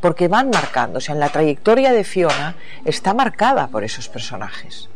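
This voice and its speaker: A woman's voice: deep voice, very animated, normal speed, noisy background. American-born woman novelist musing thoughtfully. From United States. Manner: thoughtful, searching, trails off and restarts mid-thought. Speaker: novelist being interviewed. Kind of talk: reflective interview talk.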